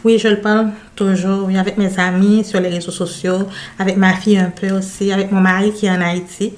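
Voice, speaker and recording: A woman's voice: mid-range voice, flat delivery, brisk. A woman from Haiti whose first language is Haitian Creole, speaking French with a Haitian accent mixed with Beauce Québécois features, answering interview questions in plain, short phrases. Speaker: interview guest. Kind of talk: conversational interview.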